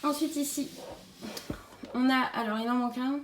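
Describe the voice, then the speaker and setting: A woman's voice: high-pitched, steady tone, normal speed, echoey room, slight background noise. A young woman giving a casual, chatty tour of her bookshelf, with many fillers. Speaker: book vlogger.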